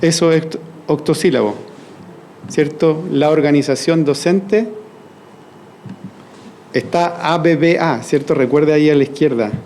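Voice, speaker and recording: Man, facilitator, slightly high but mellow voice, coaxing audience in a workshop. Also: a little slow, long pauses, slight background noise, low-quality recording. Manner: coaxing, prompting the audience with frequent "¿cierto?". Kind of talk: leading a group verse-writing activity. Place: event hall at a university launch.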